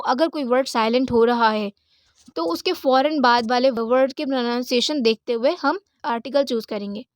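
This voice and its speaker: A woman teaching an English grammar lesson. She reads the English example lines slowly and carefully and often checks in with her listeners. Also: high voice, no echo, clean studio sound. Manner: slow, deliberate reading of English example lines, checks in with "theek hai?". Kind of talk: grammar lesson in Hindi-Urdu.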